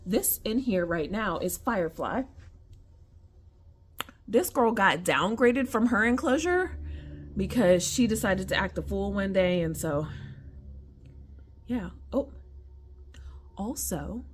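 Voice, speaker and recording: At home, a woman with a mid-range voice chats to camera while showing off her pet tarantulas, with a little background noise. She's chatty and animated, calls her viewers "y'all," and sometimes drops to a whisper near the spiders. The room is lined with tarantula enclosures.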